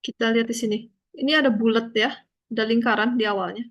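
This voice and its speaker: A woman teaching a language lesson, explaining slowly and patiently and checking often that her student understands. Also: on the high side, steady tone, lo-fi sound. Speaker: Korean teacher.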